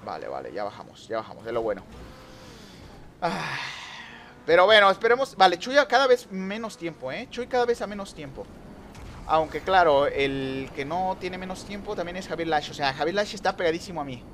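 A young man giving lively gameplay commentary, talking to viewers and teasing rivals. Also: fairly high pitch, a little fast, slight background noise. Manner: excitable, talks to viewers and rivals, trash-talks. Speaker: gaming youtuber.

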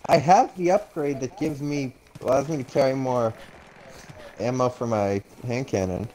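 A man's voice: mid-range voice, normal speed, dark tone, poor audio. A man playing a co-op game, muttering and exasperated as he talks through the action. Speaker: co-op gaming partner. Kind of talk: casual gameplay commentary.

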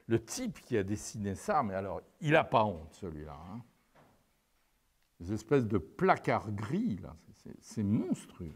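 An older man lecturing on anatomy while he draws at the board. He talks slowly and unhurriedly, wandering off into wry asides. His pitch rises and falls widely, and he keeps checking in with his listeners. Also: darkish tone. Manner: digressive and wry, peppered with "n'est-ce pas". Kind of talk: live art-anatomy lecture at a chalkboard.

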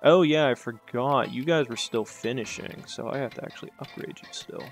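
Over background music, a man with a gravelly mid-range voice talks at a moderate pace while playing a strategy game on his own channel. A native English speaker, he thinks out loud, wanders off on tangents and mutters sarcastic remarks to himself in this casual commentary.

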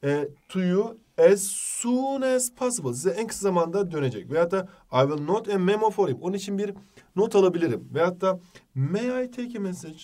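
Man, turkish accent, high voice, joking teacher, a bit off-mic. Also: expressive, a little mellow, recorded from a distance. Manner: jokey, switches between Turkish and slow English phrases. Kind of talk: exam-prep lesson.

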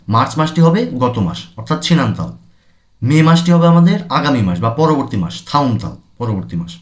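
A man from Bangladesh teaching a language class at an unhurried, deliberate pace. His pitch rises and falls a great deal as he stresses words. He repeats each term and then explains it. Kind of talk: recorded language lesson. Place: language center classroom or studio.

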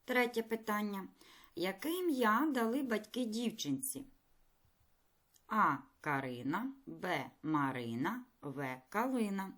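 A woman teaching a primary school lesson in a recorded video, speaking clearly, patiently and encouragingly. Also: mid-range voice, lively intonation, slow pace, fairly bright tone.

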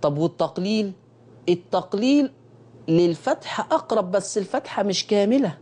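His voice sits high, a little mellow, with lively intonation. This middle-aged man with an Egyptian Arabic accent leads a televised Quran recitation lesson, slowly sounding out letters and repeating key phrases so viewers can imitate him.

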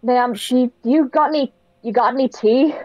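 A man voicing an eager adventurer in a squeaky high falsetto. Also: moderate pace, a little mellow, no room sound, dull audio.

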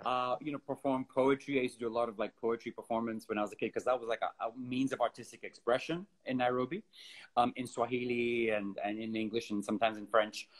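Kenyan-born man telling stories on a video call. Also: medium pitch. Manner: relaxed storytelling with frequent ums and likes. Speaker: theater director. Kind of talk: casual video-call interview. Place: home room with bookshelves. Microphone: laptop webcam on video call.

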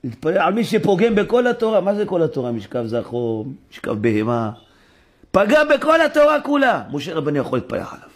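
A man giving a sermon as a rabbi in a synagogue, preaching in an animated way and acting out dialogue with sudden high-pitched exclamations. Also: hardly any pauses.

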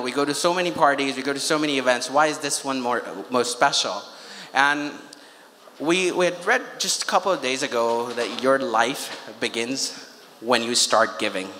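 On stage in a large auditorium, a man from Karachi, Pakistan, hosts a charity fundraiser, speaking informally into a handheld microphone and engaging the audience with questions. His medium-pitched voice is bright and forceful, and his manner is conversational. The hall PA makes the sound echoey with long reverb.

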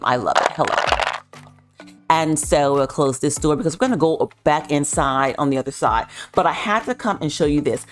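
A woman vlogger giving a chatty home tour. She gushes with excitement, repeats herself for emphasis and tosses slangy asides to her viewers. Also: sits low. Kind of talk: casual chatty tour narration.

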